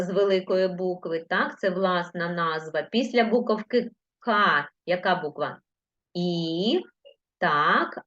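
Woman, primary school teacher, patient slow dictation, low voice, muffled lo-fi stream. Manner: patient, dictating slowly letter by letter. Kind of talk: live online dictation lesson. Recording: lo-fi livestream audio.

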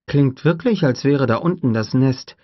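A man's voice: mid-range voice, animated, moderate pace, no room sound, muffled recording, voice pushed up, natural voice. A man reading an audiobook voices a curious young female scientist in a lighter, raised voice. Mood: concerned. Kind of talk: audiobook character voice.

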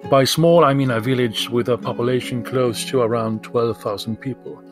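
A man from Sweden with a Swedish accent, calmly telling his own story in a recorded voice message. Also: mid-range voice, normal speed, soft background music. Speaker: listener sharing a story.

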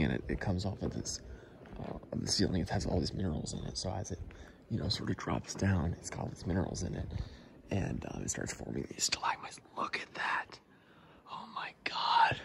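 A man's voice: sits low, gravelly. Awed man whispering in an echoing cave. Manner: whispering in awe, halting with fillers. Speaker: travel vlogger. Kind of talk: hushed on-site cave tour. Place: large cave underground.

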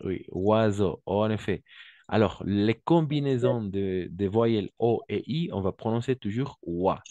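A man teaching French to a class, patient, repeating each word slowly and often praising his students. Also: fairly low pitch, mellow, no echo, muffled recording. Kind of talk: online class instruction.

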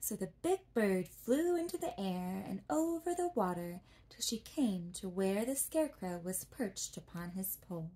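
A woman reading a storybook aloud in a gentle, softly spoken, whispered role-play for sleep. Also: mid-range voice, lively intonation, measured pace, hardly any pauses, slightly rough. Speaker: ASMR storyteller.

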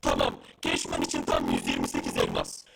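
A group of stubborn male city guards with a huge, rumbling, unnaturally deep voice. They bark short, curt orders at the gate. A Minecraft parody character. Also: monotone, fairly quick, gravelly, heavy background noise, exaggerated voice. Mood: stern. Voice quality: very deep, pitched-down voice. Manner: curt commands.

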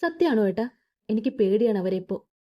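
A woman's voice: medium pitch, lively intonation, fairly quick, close to an everyday voice. A frightened pregnant young daughter pleads through sobs in a raised, trembling voice, as a woman reader does her. The sound is dull and lo-fi. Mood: tearful. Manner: weeping, pleading.

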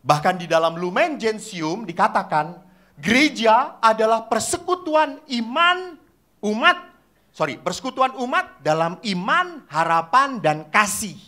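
A lively male priest preaches a spirited sermon to a live congregation in a high voice at a measured pace. He tells stories with animation, acting out voices and putting questions to the audience.

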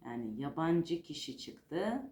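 A woman's voice: low-pitched, sing-song, takes it slowly, mellow. A woman fortune teller giving an informal, unscripted card reading, explaining hesitantly and repeating herself as she goes. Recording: roomy, echoing home-style recording.

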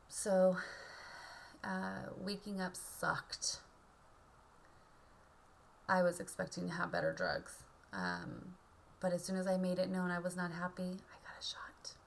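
Low, creaky-voiced woman vlogging haltingly. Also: expressive. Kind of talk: casual video diary. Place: indoor room at home. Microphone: webcam or laptop mic at arm's length. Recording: noisy home webcam recording.

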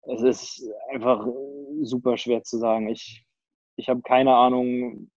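On a video call through earbuds, a young northern German handball player from the Kiel area answers as an interview guest, pausing with fillers and restarting as he thinks aloud. His medium-pitched, slightly mellow voice is flat and a little slow. The muffled recording has no echo.

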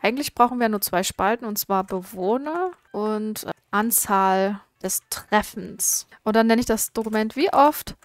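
A woman's voice: mid-range voice, unhurried, no echo. A woman chatting casually through a video game, talking to its characters and giggling often. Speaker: gaming YouTuber. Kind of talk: casual gameplay commentary.

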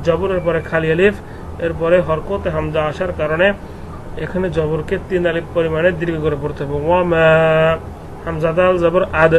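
A man's voice: a little high, level tone, background noise. Man drilling Quran reading syllable by syllable. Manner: slow, syllable-by-syllable recitation drill. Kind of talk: spelling out Arabic letters and vowel marks in a lesson.

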